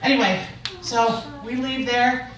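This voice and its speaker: A woman's voice: fairly high pitch, steady tone, unhurried, a bit bright. Woman doing stand-up in an echoey room. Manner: conversational, building to punchlines with rhetorical questions. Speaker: stand-up comedian. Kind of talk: stand-up storytelling. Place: live comedy stage with an audience. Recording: echoey live room from far off. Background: audience laughter and room ambience.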